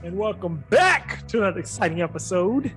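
A man's voice: high voice, animated, a little fast, fairly bright tone, faint music behind. A man co-hosting a podcast, laid-back and slangy in casual chat. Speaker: podcast co-host.

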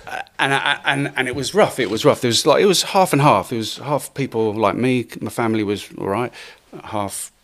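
A middle-aged man from Wales, who has lost his Welsh accent and now sounds English, talks briskly in a fairly bright, mid-range voice with hardly any pauses. As an interview guest telling casual stories about his career, he swears often, laughs, and acts out what people said.

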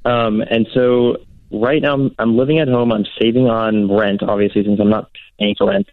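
A man's voice: mid-range voice, expressive, moderate pace, no echo. A young man in his twenties calling in, hesitant with many ums, his phone line breaking up and cutting out. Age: 20s. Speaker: caller. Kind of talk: call-in advice question.

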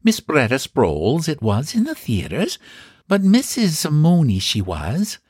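A proper old boardinghouse landlady speaks in a furry, guarded tone, pitched far above her reader's own voice, as a man puts her on. She is stern and businesslike, and her voice sweeps widely up and down. It sounds dry and close. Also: wildly swooping pitch, slow pace, a little mellow, husky, dry recording, exaggerated voice. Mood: prim.

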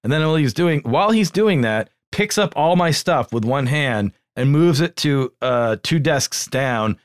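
A man co-hosting a podcast in casual chat, telling profane, animated stories and mimicking people. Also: fairly high pitch, unhurried. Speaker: podcast co-host.

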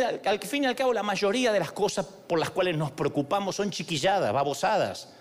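Argentine male speaker, slightly high voice, humorous sermon-style storytelling. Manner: storytelling, playful, self-mocking. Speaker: motivational speaker.

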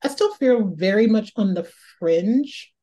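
With a medium-pitched, dark, expressive voice, a woman author from Northeast Ohio takes her time. She reflects on her writing life in an interview, thinking aloud and repeating words often.

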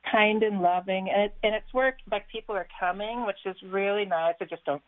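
A woman's voice: medium pitch, no echo. Woman caller over a tinny phone line. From Denver, Colorado area. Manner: chatty and halting, with many fillers. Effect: heard over the phone. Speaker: radio show caller. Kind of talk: casual call-in chat.

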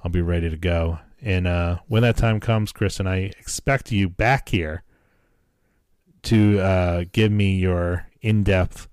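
A man's voice: deep voice, fairly even intonation, slow, a little mellow, smooth, dry recording, studio quality. A man hosting a podcast in casual chat, joking in a self-deprecating and sometimes profane way, recorded at home in a basement. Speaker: podcast host. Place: wood-paneled home basement.

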